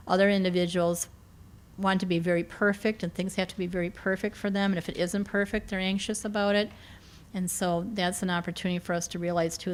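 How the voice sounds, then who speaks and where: A woman with a slightly low voice gives an easygoing talk to a room on campus. She says "um" often and corrects herself as she goes. Her voice sounds a little worn, as if she were losing it. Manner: conversational, with frequent "um" and self-corrections. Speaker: campus career development speaker. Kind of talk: informal talk to a campus audience.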